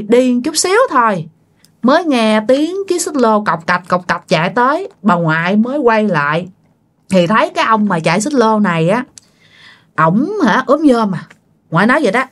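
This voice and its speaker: A woman narrating a ghost story for her channel, chatty and colloquial, often speaking straight to her listeners. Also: medium pitch.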